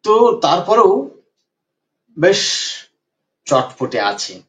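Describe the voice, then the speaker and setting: A man's voice: sits high, very animated, takes it slowly, fairly bright tone. Emphatic man retelling a case. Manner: emphatic, repeats phrases for stress. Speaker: homeopathic doctor. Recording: dull lo-fi recording.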